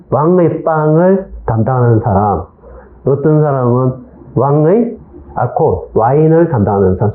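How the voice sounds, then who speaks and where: Middle-aged pastor, male, lively storytelling lecture style, roomy and tinny lo-fi recording. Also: mid-range voice. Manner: storytelling, mixes simple English words into his speech, acts out short quotes. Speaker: pastor teaching a Bible overview. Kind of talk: informal Bible lecture. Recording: echoey, phone-like lo-fi lecture recording.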